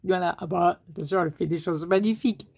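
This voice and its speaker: A woman's voice: on the low side, quick pace, vocal fry, a little mellow. A woman with a Marseille accent chatting casually as she opens a parcel on her vlog, gushing and swearing with delight. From Marseille, France. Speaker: crafting YouTuber.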